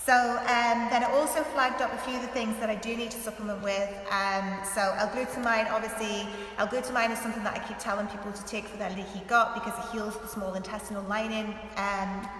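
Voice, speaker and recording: A woman's voice: a little high, level tone, fairly quick, hardly any pauses, a bit bright. A woman vlogger talking casually and informally to her followers, often saying "like", in a big echoey room. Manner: chatty, informal, frequent "like" as filler. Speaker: health vlogger and author. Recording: big echoey room, distant mic, faint hiss.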